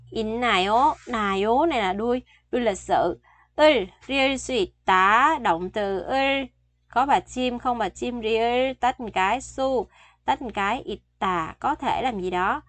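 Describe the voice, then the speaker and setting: A woman's voice: fairly high pitch, a bit bright, dry recording. A Vietnamese-speaking woman teaching Korean phrases, explaining each word patiently and repeating the sentences. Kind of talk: bilingual vocabulary lesson.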